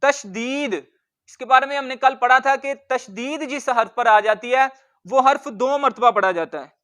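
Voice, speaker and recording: Man with a really high clear voice going through a tajweed lesson word by word, spelling out letters slow and patient. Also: a bit bright. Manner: patient explaining, spelling out letters and sounding words slowly. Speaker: Quran reading teacher.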